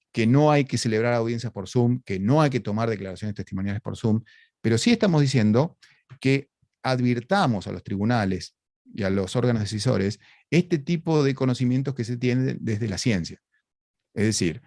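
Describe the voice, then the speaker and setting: A man's voice: mid-range voice, darkish tone, no echo, clean studio sound. A man with an Argentine Spanish accent giving a conversational academic talk over a video call, explaining points and asking rhetorical questions. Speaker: lecturer.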